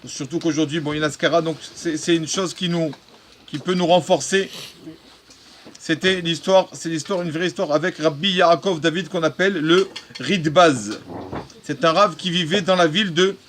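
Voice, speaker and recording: A man, a rabbi, telling a religious story to his congregation in a halting way, often repeating and restarting words and mixing in Hebrew terms. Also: on the high side, fairly even intonation, fairly bright tone, a little hiss or hum. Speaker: rabbi giving a daily talk.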